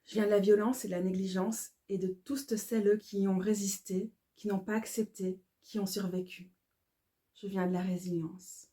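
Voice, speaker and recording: A woman, calmly reading her own devotional poetry aloud in a measured, incantatory way. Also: mid-range voice. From Belgium. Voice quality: calm, measured, incantatory delivery.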